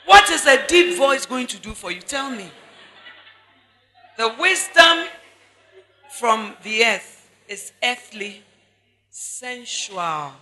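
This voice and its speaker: A woman's voice: on the high side, very animated, slow, pauses often, pushed and bright, big-room sound. A woman pastor with a Ghanaian accent preaching a sermon, stressing her points by repeating them and speaking straight to the congregation. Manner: emphatic preaching with repetition and asides to the congregation.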